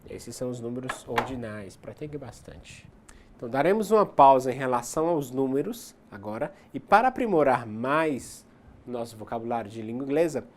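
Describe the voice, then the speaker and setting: A man with a Brazilian Portuguese accent teaching an English lesson for distance learning. He explains step by step, repeats each English word and keeps checking in with "ok?". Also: on the high side.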